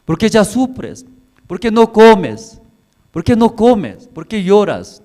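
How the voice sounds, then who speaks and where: A puzzled, devoted husband, acted by a man preaching, who keeps pleading with the same questions in a voice raised far above his own. The delivery is loud, slow and insistent. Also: high-pitched, sing-song, voice pushed up, heavily acted. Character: baffled loving husband pleading with his wife.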